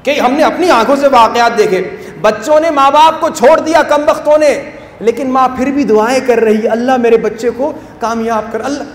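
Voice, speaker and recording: A man preaching a fervent sermon in a high, ringing voice. He swings from loud exclamations to hushed, low asides. The sound is roomy, with a long hall reverb trailing each phrase. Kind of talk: impassioned sermon.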